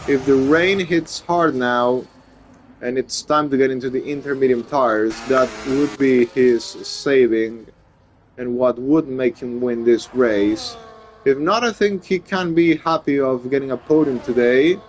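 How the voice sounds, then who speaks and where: A man's voice: mid-range voice, unhurried, a little hiss or hum. A man commentating live on a motor race as a motorsport commentator. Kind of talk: live sim racing commentary.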